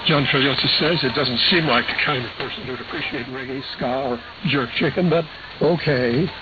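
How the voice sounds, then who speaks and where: A medium-pitched man presents a radio programme on shortwave, reading scripted news and listener reports in a measured, matter-of-fact manner. The AM shortwave reception is hissy and dull.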